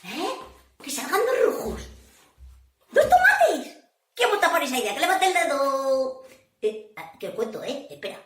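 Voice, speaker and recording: A woman's voice: high voice, sing-song, moderate pace, fairly bright tone. A woman telling stories to children in a library, playful and theatrical, often asking her audience questions. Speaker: children's storyteller. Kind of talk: lively storytelling for children. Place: public library room. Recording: very echoey room, voice from a distance.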